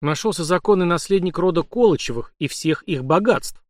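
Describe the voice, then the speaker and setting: A timid court official, voiced by a man in an audiobook, mumbling and stammering under pressure. The voice sits a bit high and is recorded dry and close. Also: animated, a little fast, a little mellow, no room sound, lightly acted. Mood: flustered.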